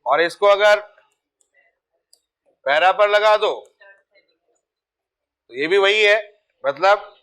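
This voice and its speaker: A man's voice: sits high, slow, long pauses, fairly bright tone, clean tone. A man teaching chemistry, talking casually and repeating key terms while checking that students follow. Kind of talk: board lecture.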